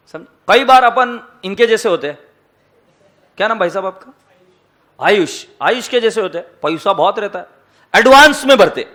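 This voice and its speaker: A man's voice: high voice, a bit bright. A man lecturing a class on accounting, teasing the students, asking them questions and mixing Hindi with English.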